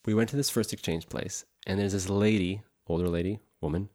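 Low-voiced young man telling a story. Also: fairly even intonation, fairly quick, a little mellow. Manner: storytelling, laughing, imitates others. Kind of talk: casual chat.

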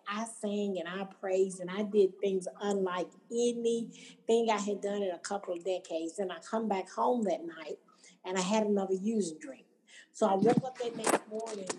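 Woman with a dark, mellow voice. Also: mid-range voice, low-quality recording. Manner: storytelling, acting out quoted voices. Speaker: speaker telling her recovery story. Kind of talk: personal testimony to an audience.

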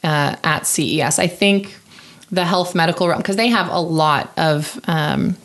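Lowish-voiced woman asking curious questions. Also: a little slow, a bit bright. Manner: curious, asks follow-up questions. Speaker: podcast co-host. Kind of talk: casual tech podcast chat.

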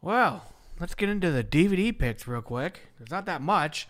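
A man with a fairly high voice that swings up and down a lot chats casually as a podcast host. He rambles and trails off, filling the gaps with ums and "so, yeah." He sounds like he is speaking into a podcast mic. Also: expressive, normal speed, a bit bright. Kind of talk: casual chat.

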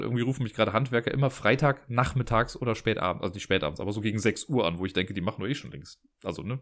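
A man telling a story in a chatty, exasperated rant from his living room, often tagging his sentences with a questioning "ne?". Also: lowish voice.

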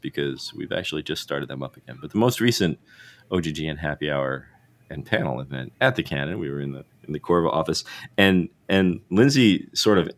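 A man hosting a podcast remotely, a bit under the weather with a rough morning voice, rambling and correcting himself as he chats. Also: a bass voice, fairly bright tone. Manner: rambling, self-correcting, laughs often. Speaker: podcast host. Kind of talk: casual interview chat. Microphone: remote call setup.

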